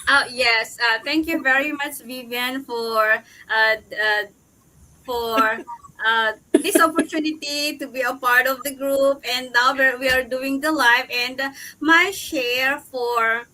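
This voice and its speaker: Bright high-voiced woman, rambling. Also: steady tone, slow, low-quality recording. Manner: rambling, restarts her sentences. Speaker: guest speaker. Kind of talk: casual live-stream chat.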